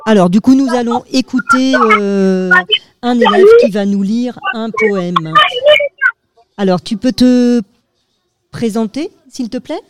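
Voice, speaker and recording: A woman's voice: a little high, slow pace. Patient woman hosting a school radio show. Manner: patient, hesitant with frequent fillers. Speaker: school web radio host. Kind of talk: live radio presenting.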